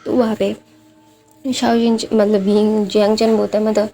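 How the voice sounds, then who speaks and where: A woman's voice: mid-range voice, flat delivery, moderate pace, warm tone, faint music behind. A woman casually retelling a fan story in her own words, conversational, with many fillers and self-corrections.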